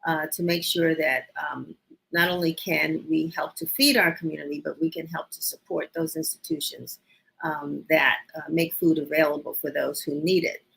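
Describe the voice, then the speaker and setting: Woman host, bright voice, chatty and upbeat, lots of restarts, bit sniffly. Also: low voice, steady tone, normal speed, gravelly, husky, low-quality recording. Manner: rambling, many restarts, upbeat. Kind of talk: casual interview chat.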